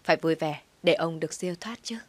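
A woman voicing a sympathetic doctor who speaks softly and consolingly, almost in a whisper. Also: on the high side, fast, no room sound, natural voice.

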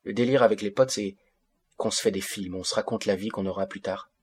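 The man narrating this audiobook speaks as an angry fifteen-year-old from the housing projects, delivering a first-person monologue of bitter street slang in agitated bursts. He has a fairly low, slightly mellow voice with a breathy edge, a steady tone, and a fairly quick pace.

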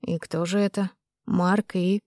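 A woman voicing a tender, possessive male businessman in an audiobook, speaking low and hushed. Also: level tone, unhurried, no room sound, studio quality, natural voice. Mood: playful.

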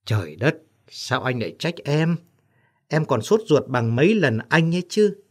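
A man voices a loving village wife in an audiobook. He keeps the voice soft and tender, only lightly raised from his narrating voice. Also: on the high side, sing-song, moderate pace. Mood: affectionate.

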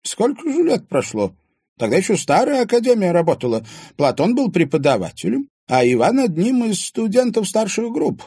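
A man's voice: high voice, big pitch swings, normal speed, dark tone, breathy edge, dry recording, studio quality, voice pushed up, heavily acted. A man voicing a blunt, commanding older woman in an audiobook, direct and exclaiming.

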